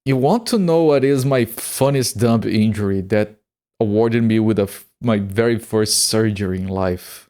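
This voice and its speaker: A man's voice: lowish voice, moderate pace, dark tone. A man streaming a game and chatting casually, swearing freely and stumbling over the starts of his sentences. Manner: stammers and repeats words when starting sentences. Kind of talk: casual chat while gaming on a live stream.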